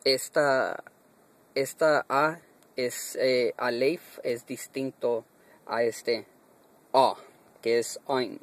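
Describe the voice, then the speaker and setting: A man's voice: medium pitch, fairly even intonation. A man teaching pronunciation, reciting single syllables one by one with short explanations. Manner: slow, deliberate drilling of single sounds with short explanations. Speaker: language teacher.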